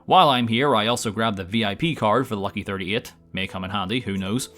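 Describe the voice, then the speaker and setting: A man's voice: lowish voice, fast, a bit bright, faint music behind. A man narrating gameplay from a script in a wry, casual, tongue-in-cheek manner. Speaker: gaming video narrator.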